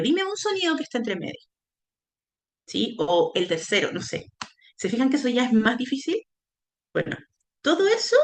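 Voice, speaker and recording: A woman's voice: medium pitch, vocal fry. A woman lecturer explaining early childhood language teaching in a workshop, often checking in with her listeners as she goes. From Chile. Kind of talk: recorded teacher-training workshop talk.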